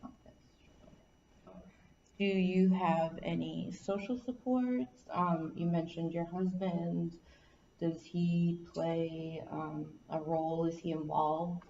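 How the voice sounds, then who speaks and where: Low, slow-speaking woman counselor. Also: creaky. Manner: calm, slow, reflective questioning. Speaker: counselor trainee. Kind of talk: counseling interview. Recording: echoey room, distant dull mic, faint hiss.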